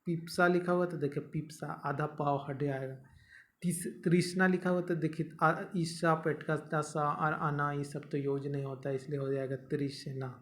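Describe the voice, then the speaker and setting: A man's voice: a little high, fairly even intonation, normal speed, fairly bright tone. A young man teaching an exam-prep grammar lesson, explaining step by step and checking back his students.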